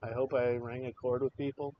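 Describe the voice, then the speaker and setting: A man hosts a live stream, delivering opinionated commentary with raw, emotional passion and the odd curse. His voice sits at an ordinary pitch. The audio is a little dull, with a faint hiss underneath. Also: flat delivery, a little fast. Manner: impassioned, emotional, swears freely. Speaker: livestream show host.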